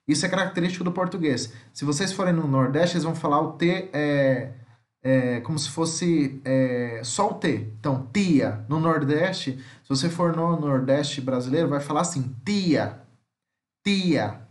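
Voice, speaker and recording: A man's voice: fairly high pitch, normal speed. A man from Brazil teaching a phonetics lesson, patiently repeating speech sounds and checking in with tag questions. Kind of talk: home-schooling phonetics lesson. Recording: echoey room.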